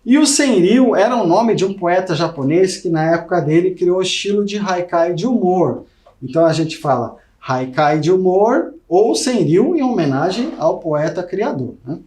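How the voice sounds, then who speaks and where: A man's voice: high voice, darkish tone, roomy sound. A Brazilian man teaching a recorded video lesson, explaining to students and often checking in with them. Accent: Brazilian Portuguese. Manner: explanatory, addresses students directly with frequent "né?".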